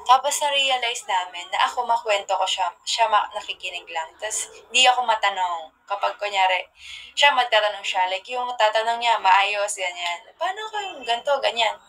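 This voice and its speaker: A young woman chats casually on a livestream from her phone, telling rambling stories punctuated by soft, trailing asides. Her voice sits in the mid-range at a moderate pace, and the audio quality is poor.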